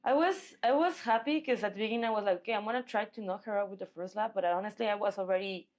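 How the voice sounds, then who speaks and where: A professional MMA fighter from Mexico talks casually as an interview guest. She has a Mexican accent and a medium-pitched, slightly mellow voice.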